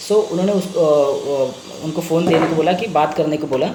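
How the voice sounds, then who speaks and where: A man's voice: a little high, moderate pace. Man presenting a case in a roomy echo. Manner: casual mix of Hindi and English, retelling a patient's words. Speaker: homeopathic doctor. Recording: roomy echo, faint background noise.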